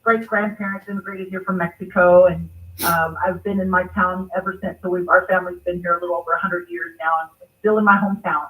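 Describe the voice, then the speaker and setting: A middle-aged Texan woman calls in to a radio show and tells her story candidly and steadily in a casual interview. Her fairly low, fairly bright voice is brisk and steady in tone, but she sounds far from the phone mic, and the audio is poor.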